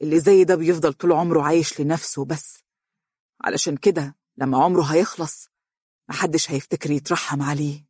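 A woman's voice: deep voice, fairly even intonation, fairly quick, a little mellow, husky, dry recording, studio quality. A narrator voicing an earnest young woman with an Egyptian accent. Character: eager young Egyptian woman, devoted sister.

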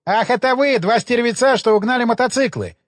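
A man reading an audiobook, voicing a gruff, mocking male desk sergeant in a raised, higher voice. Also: brisk.

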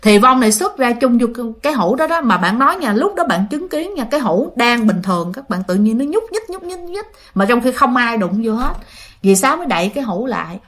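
A woman's voice: on the high side, big pitch swings, brisk, fairly bright tone. A woman telling a ghost story in a chatty, casual way, often speaking to her listeners. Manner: chatty, addresses listeners, many fillers.

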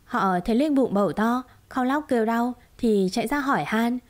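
A woman reading a romance drama story aloud in a steady, dramatic storytelling manner. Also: fairly high pitch, normal speed. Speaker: narrator. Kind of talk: scripted story narration.

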